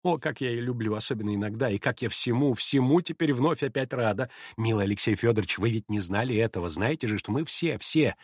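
A man reading aloud and voicing an excitable, effusive middle-aged society lady who talks in breathless exclamations. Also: a little high, fast talker, dry recording, studio quality, pitched above the performer's own voice. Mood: gushing.

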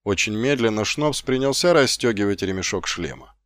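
A man narrating an audiobook in measured, expressive storytelling. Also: on the low side, no room sound.

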